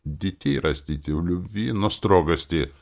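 A man's voice: medium pitch, sing-song, normal speed, pitched above the performer's own voice, lightly acted. A man voicing a grumpy, stern older elf architect and father in an audiobook, blustering and formal by turns. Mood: solemn. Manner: blustering, then solemn and formal.

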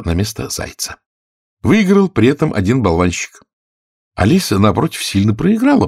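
A man reading a fairy-tale audiobook aloud as the narrator, with expressive intonation. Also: on the low side, gravelly, slightly rough, dry recording, clean studio sound. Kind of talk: scripted storybook narration.

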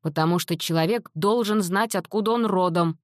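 A woman's voice: lowish voice, moderate pace, no room sound, studio quality, lightly acted. Defiant older brother, read by a woman narrator: firm, plain delivery. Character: bold young man, older brother, defiant.

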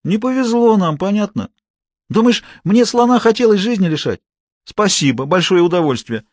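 A man's voice: high-pitched, animated, normal speed, no room sound, studio quality, pitched above the performer's own voice. Man doing a sulky grumbling thug. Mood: defensive. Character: sullen rough male thug henchman.

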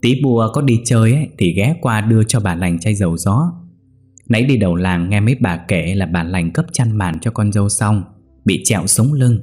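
A man voicing a crafty young daughter-in-law who needles her mother-in-law in a sly, brisk voice. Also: lowish voice, lively intonation, darkish tone, faint music behind, natural voice. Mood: sly needling.

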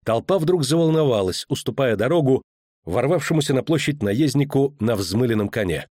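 A man narrates an audiobook in an expressive storytelling voice. His pitch is lively and varied. The recording is dry and close. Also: normal speed, no echo.

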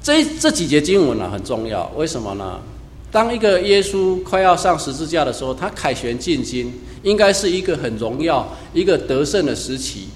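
A man preaching a sermon as pastor, swinging between loud emphatic lines and quiet low asides. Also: sing-song, moderate pace, in a large hall, a little hiss or hum.

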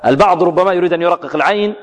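A man teaching Quran recitation rules, slowly drawing out example words and then briskly correcting mistakes, asking his students questions and answering them himself. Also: high-pitched, big-room sound. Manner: slow, drawn-out demonstrations of each word, then quick corrections. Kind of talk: tajweed lesson with recited examples.

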